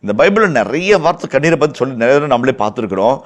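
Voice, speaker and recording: A man's voice: medium pitch, very animated, racing. Tamil-accented male priest, verse-by-verse Bible teaching, fervent and repetitive for emphasis. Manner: impassioned, repeats phrases for emphasis, acts out quoted lines. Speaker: priest explaining scripture.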